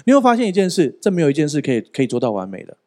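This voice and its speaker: A man's voice: a little high, racing. Guy pastor giving a sermon, bouncy up and down voice, cracks jokes, keeps asking the crowd questions. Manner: animated, joking, keeps asking the audience questions.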